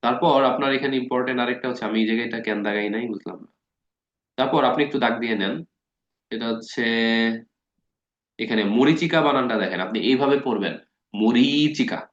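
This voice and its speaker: A man giving a casual spoken grammar lesson, talking conversationally, often checking that listeners follow and stretching out words slowly to show how they are spelled. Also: medium pitch, a bit bright. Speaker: Bengali grammar teacher. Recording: dull lo-fi recording.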